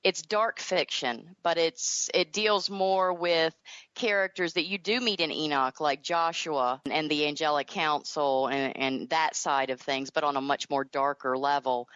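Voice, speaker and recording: A middle-aged woman from North Carolina with a Southern American accent answers interview questions conversationally as a guest author and audio drama creator. Her low-pitched voice is steady, unhurried, fairly bright and clean, on a dry, muffled recording.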